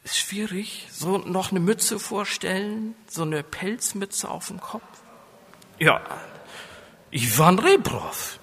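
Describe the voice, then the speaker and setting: A man's voice: sits high, expressive, slow, vocal fry, a bit bright, breathy edge. A man from northern Germany with a coastal accent, preaching a sermon. He often asks the congregation questions and builds up to raised, emphatic passages. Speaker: pastor. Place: church. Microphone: microphone. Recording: hall reverb.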